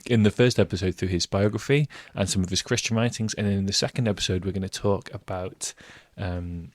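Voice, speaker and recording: Fast-talking man hosting a podcast. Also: low voice, steady tone. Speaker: podcast host. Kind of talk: upbeat conversational interviewing.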